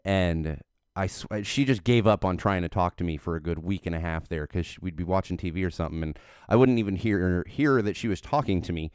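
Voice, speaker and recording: An adult man, a married father, hosts his own solo podcast from a home studio using a studio microphone with headphones. His deep, darkish, clear and resonant voice is brisk, and he talks casually, rambling, self-correcting and candid, sounding slightly nasal from an ear infection. The recording is dry and clean.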